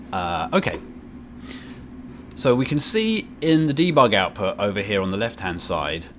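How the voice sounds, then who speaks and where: A British man giving casual live coding commentary as he streams, thinking aloud in a halting way. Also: deep voice. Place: indoors by a window. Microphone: desk microphone, bidirectional. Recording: keyboard and street noise behind.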